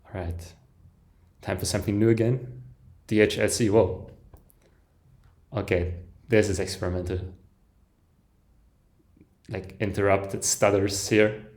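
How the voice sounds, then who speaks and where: A man reacting live to an album, commenting enthusiastically with soft "ooh"s and chuckles, often breaking off and restarting sentences as he listens. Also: fairly low pitch, fairly even intonation, measured pace, long pauses. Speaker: music reaction host.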